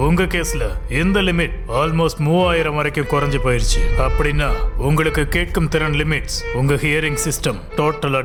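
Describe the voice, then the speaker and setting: A man in a dubbed film, playing a doctor who explains a diagnosis in a matter-of-fact way. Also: fairly high pitch. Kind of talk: film dubbing.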